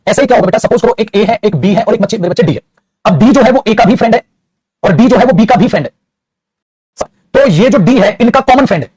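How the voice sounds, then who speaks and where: A male teacher lecturing a class in a high, husky voice. He rushes through grammar points at great speed and often calls his students "child". The sound is dry and close. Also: expressive, darkish tone, no room sound. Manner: lectures with moral advice. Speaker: English teacher.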